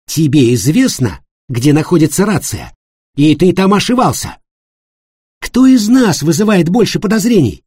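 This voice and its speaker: A man's voice: fairly high pitch, very animated, normal speed, darkish tone, husky, no room sound, clean studio sound, voice pushed up. A man voicing a proud, defiant wealthy woman who speaks firmly and indignantly. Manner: indignant, firm, raised voice.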